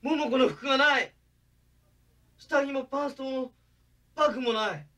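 An actor playing an anxious, lovestruck young man who talks haltingly, full of nervous fillers, in a TV drama. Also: very high voice, sharp tone. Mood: alarmed. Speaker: lead character in a TV drama. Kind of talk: TV drama acting.

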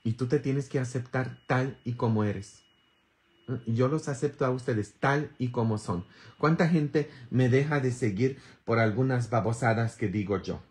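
Slow, bantering priest. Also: male voice, mid-range voice. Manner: bantering, earthy humor, constant tag questions; sudden loud emphatic bursts. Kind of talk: informal sermon.

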